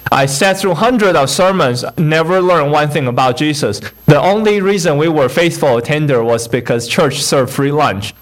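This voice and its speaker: A young man from Taiwan with a Taiwanese accent gives his testimony at an evening service. His voice sits a little high for a man. He speaks haltingly, with many fillers and restarts, and now and then a wry, humorous aside. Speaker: guest speaker. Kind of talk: personal testimony at a church service.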